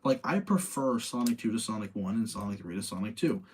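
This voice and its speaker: On a live show that ranks video game movies, the male host talks to his audience in a relaxed, informal way and doesn't hold back his personal views. His voice sits on the low side, expressive and fairly quick. A little background noise can be heard.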